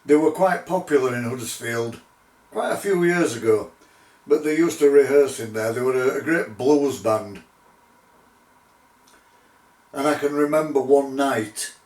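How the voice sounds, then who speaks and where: A middle-aged man telling his own paranormal investigation story in a measured, deliberate way, with pauses. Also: medium pitch. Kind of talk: unscripted spoken storytelling. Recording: roomy echo, distant microphone.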